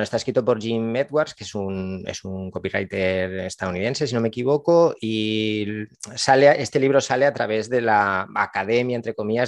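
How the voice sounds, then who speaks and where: A man's voice: on the low side, dry recording. A middle-aged man with a Spain Spanish accent, casually recommending business books as podcast co-host, rambling with fillers and self-corrections.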